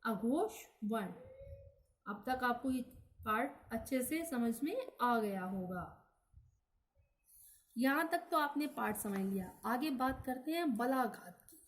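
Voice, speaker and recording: A woman teaching a grammar class in a fairly high voice. She speaks slowly and carefully, spelling things out one step at a time. She keeps asking the class questions and then answering them herself. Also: animated.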